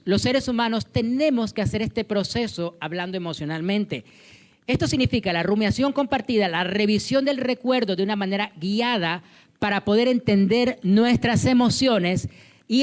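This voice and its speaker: A male pastor preaching a sermon to a congregation, mixing personal anecdotes and humor and growing louder on key points. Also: sits high. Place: church service with a congregation.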